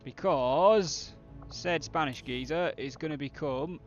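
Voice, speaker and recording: A man's voice: fairly high pitch, slow, highs cut off, soft background music. A British man doing casual, blokey, sweary game commentary as a streamer chatting with viewers. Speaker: gaming streamer.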